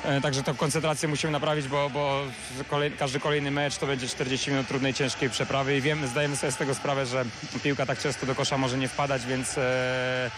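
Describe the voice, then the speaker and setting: A man's voice: medium pitch, little pitch movement, a little fast, few pauses, music in the background. A young man, a basketball player, answering a post-match interview at a handheld mic, with many hesitant filler sounds. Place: courtside interview wall in an arena. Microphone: handheld reporter mic.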